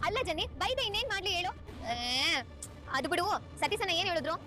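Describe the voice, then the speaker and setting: A sensible young college friend who scolds but cares. Her voice is high and her words come very fast, with music underneath. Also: lively intonation. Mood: scolding, caring. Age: young adult. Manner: scolding yet caring. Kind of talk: TV serial acting. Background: background music score.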